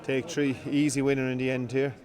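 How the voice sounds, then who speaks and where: A man giving live commentary on greyhound coursing from an outdoor field, brisk and rising with excitement during the runs. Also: mid-range voice. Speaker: race commentator.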